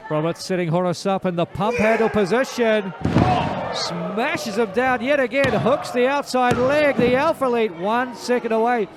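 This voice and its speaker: High-pitched man calling wrestling, excited. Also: moderate pace. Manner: emphatic, dramatic calls. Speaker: play-by-play wrestling commentator. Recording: live crowd noise behind. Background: wrestling event crowd.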